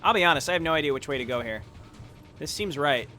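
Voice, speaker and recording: Bright-voiced man streaming a game. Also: a little high, expressive, quick pace, faint music behind. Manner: chatty, swears casually, chats with viewers. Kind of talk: casual live-stream commentary.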